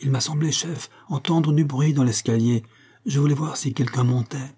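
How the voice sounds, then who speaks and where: Man doing a terrified gang underling, pleading, high and strained, husky. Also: steady tone, normal speed, dark tone. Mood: nervous. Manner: pleading, panicky. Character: frightened male lieutenant of a gang, cowardly, pleading.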